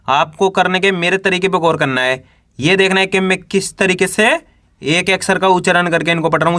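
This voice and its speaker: A man teaching beginners to read, sounding out each letter slowly, then asking and answering how each word is read. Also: high-pitched, pushed and bright, no room sound, studio quality. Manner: asks and answers his own drill questions. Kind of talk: reading lesson for beginners.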